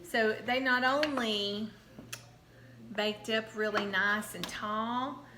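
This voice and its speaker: A woman's voice: fairly high pitch, steady tone, slow pace, roomy sound, crowd noise. A woman co-hosting a casual home cooking show, chatty and upbeat, often laughing and trailing off mid-sentence. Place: home kitchen.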